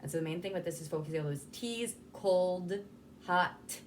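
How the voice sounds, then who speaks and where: A woman's voice: fairly low pitch, moderate pace, slight background noise. A woman vocal coach talking casually and informally as she explains and demonstrates how to articulate sounds. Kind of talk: casual instructional talk with demonstrations.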